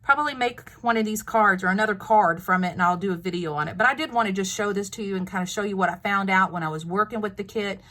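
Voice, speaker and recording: A woman's voice: mid-range voice, fast talker, hardly any pauses, a bit bright. A woman with a Texas accent chatting casually about her crafts, rambling with lots of fillers and restarts. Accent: Texan. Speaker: craft vlogger. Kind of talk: casual crafting show-and-tell.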